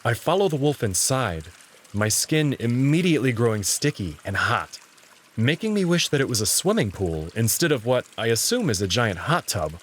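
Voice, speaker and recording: Speaking at a medium pitch and moderate pace, a man reads scripted first-person narration with plenty of expression, serving as the narrator of a visual novel.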